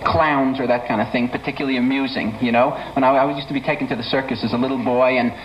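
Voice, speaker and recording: A man's voice: mid-range voice, steady tone. A man hosting a talk show with casual comic chat, stammering and interrupting himself as he goes. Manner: halting, stammering, self-interrupting. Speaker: guest host of a talk show. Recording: dull, noisy 1970s TV studio.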